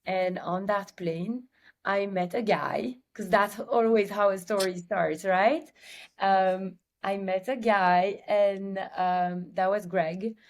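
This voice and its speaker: A woman from Belgium with a Belgian accent, a company's CEO and guest on an interview podcast, telling her story in a lively way with many filler ums. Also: medium pitch, slow. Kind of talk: casual interview chat.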